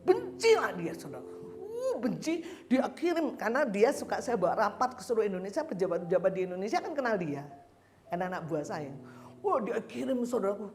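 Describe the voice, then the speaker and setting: A middle-aged woman preaching a sermon, telling lively stories and acting out the people she quotes. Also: medium pitch, a little fast. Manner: lively storytelling, acts out quotes.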